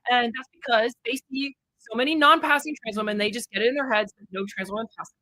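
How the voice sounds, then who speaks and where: A young woman telling stories in a casual chat, full of fillers and lively acted-out quotes. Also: on the high side, fast talker, no room sound, low-quality recording. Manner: chatty storyteller, many fillers, animated quotes. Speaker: co-host.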